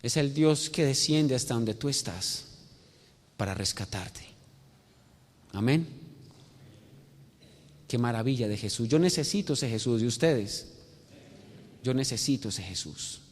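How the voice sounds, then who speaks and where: A man preaching a sermon with passion, dropping to a hush and then rising to emphatic peaks. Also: mid-range voice, animated, a little slow, pauses often, long reverb tail. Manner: impassioned, swings from hushed to rising emphatic.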